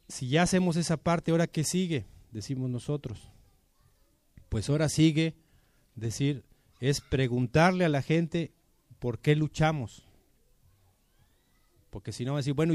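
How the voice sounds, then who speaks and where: A man's voice: medium pitch, a little mellow, dry recording. A man with a Mexican accent giving an informal political speech to a community assembly, colloquial and persuasive, with many rhetorical questions. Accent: Mexican Spanish.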